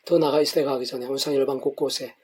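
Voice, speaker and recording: A man's voice: mid-range voice, fairly even intonation, very fast, a little mellow, slightly rough. A middle-aged man pastor reading a devotional sermon in long, flowing, earnest sentences.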